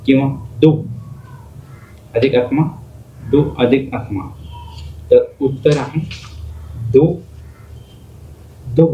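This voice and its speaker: Man teaching grammar over tinny audio. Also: medium pitch. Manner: explains step by step, asking and answering his own questions. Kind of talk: exam-prep grammar lesson. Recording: phone-like lo-fi audio with faint noise.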